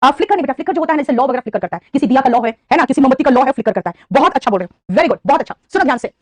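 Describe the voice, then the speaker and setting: Fast, high-pitched Indian woman teacher, calls students beta, quizzes and praises, dry close sound. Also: lively intonation, dry recording. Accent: Indian English. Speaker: English vocabulary teacher. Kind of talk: online live class, Hindi mixed with English.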